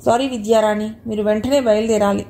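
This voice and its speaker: A woman's voice: mid-range voice, fairly even intonation, fairly quick, warm tone, a little hiss or hum, natural voice. A woman reader voicing a stern male police inspector in an audio novel, speaking firmly and officially. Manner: firm, official.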